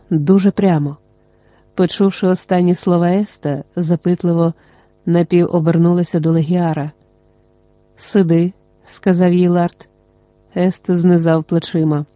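Audiobook narrator, steady even delivery, very dark mellow voice, dry close sound. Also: mid-range voice, no room sound. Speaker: audiobook reader. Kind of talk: scripted narration.

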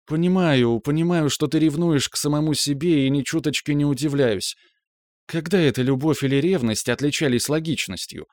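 A man voicing a tender, teasing young woman who speaks to her lover in a soft, cooing way. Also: on the high side, normal speed, dry recording, clean studio sound, pitched above the performer's own voice, close to an everyday voice. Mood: earnest.

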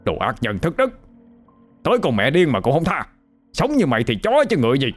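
A man's voice: fairly low pitch, lively intonation, fairly quick, faint music behind, lightly acted. A man doing jeering village drinking buddies. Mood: contemptuous. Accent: Southern Vietnamese. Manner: mocking, contemptuous. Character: contemptuous middle-aged village drinking buddies.

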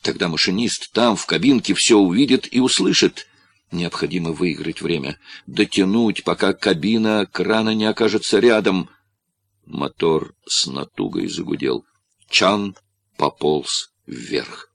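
Male narrator, deep gravelly voice, tense measured audiobook reading, dry close sound. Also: expressive, dry recording.

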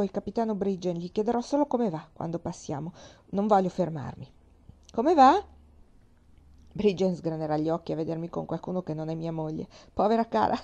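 A woman's voice: medium pitch, vocal fry, dark tone. Woman doing a bluff, jovial old admiral. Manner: bluff, chatty and frank. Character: hearty, jovial old navy admiral, man.

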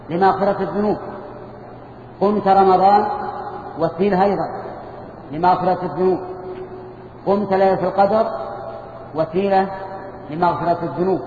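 A high-voiced man teaches a religious lesson, slowly repeating key phrases and quizzing his listeners. He is heard from far off in a long-echoing hall. The old recording is dull and lo-fi, with a faint hiss beneath. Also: warm tone. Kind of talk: classroom lecture.

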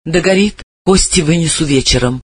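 A man voicing a frightened, nervous woman in an audiobook, speaking in a high, tense, exclaiming voice. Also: normal speed, slightly rough, no echo. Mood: frightened thoughts. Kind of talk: audiobook character voice.

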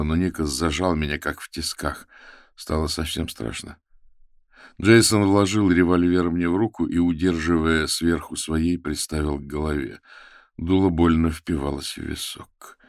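A man reading a first-person audiobook in a measured, grave storytelling manner. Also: extremely low pitch, fairly even intonation, no room sound, studio quality. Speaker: audiobook narrator. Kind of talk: scripted first-person narration.

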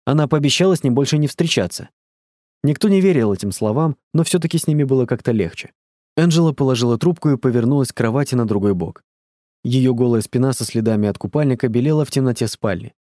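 Male audiobook narrator, measured and even, dark tone, dry close recording. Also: medium pitch, no echo. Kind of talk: scripted narration.

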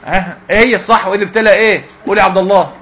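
A man's voice: high-pitched, racing, sharp tone. A man with an Egyptian Arabic accent teaching Quran recitation to a class of young students, constantly asking them questions and waiting for their answers. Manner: quizzes the class with repeated questions, call and response.

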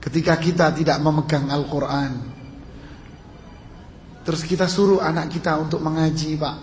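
Male preacher, slightly high voice, sermon with rhetorical questions; reverberant hall, faint background noise. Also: steady tone, moderate pace, a little mellow. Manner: storytelling, rhetorical questions, addresses listeners as sir. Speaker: Islamic preacher.

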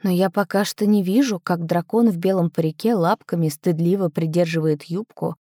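A woman narrating a first-person audiobook story expressively, with her pitch swinging up on lively moments. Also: normal speed, no room sound, clean studio sound.

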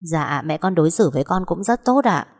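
A woman voicing a meek, polite eighteen-year-old girl who answers softly and submissively, with a long echoing reverb. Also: lowish voice, lively intonation, fairly quick.

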